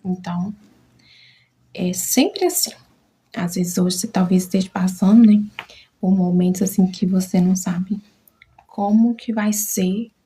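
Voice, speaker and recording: A woman's voice: mid-range voice, steady tone, measured pace, long pauses, mellow, slightly rough. A woman who makes crochet, chatting casually and heartfelt with her followers on a live stream, sometimes dropping to a whisper. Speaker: crochet artisan.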